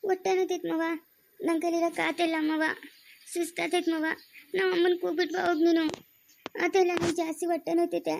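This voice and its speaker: A woman as a tearful young mother in labor; rural Chikkaballapur Kannada accent, high and fast, begging through pain. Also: flat delivery, gravelly, a little mellow, slight background noise. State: in pain, crying.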